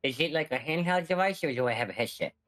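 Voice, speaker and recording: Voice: mid-range voice, lively intonation, fast talker, fairly bright tone, dry recording, soft background music. A flippant, playful player chatting casually and role-playing in a tabletop game.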